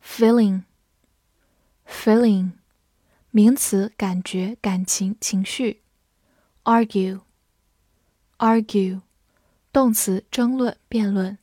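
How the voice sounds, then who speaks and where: A woman English teacher narrating a vocabulary lesson, slowly repeating each word twice before giving its meaning. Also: medium pitch, dark tone, breathy edge, no echo, studio quality. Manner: slow, drawn-out word repetition.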